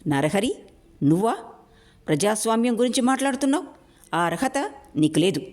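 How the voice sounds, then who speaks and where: A woman's voice: lowish voice, lively intonation, moderate pace, a little mellow, lightly acted. Brief: defiant young village councillor, fierce and roaring, read by a woman storyteller. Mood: furious. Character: angry young man, a bold village council member.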